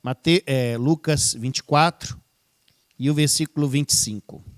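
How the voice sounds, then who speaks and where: A man's voice: mid-range voice, a little slow. A man preaching a sermon in a church, talking conversationally and asking the congregation rhetorical questions. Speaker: pastor. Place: church service, livestreamed.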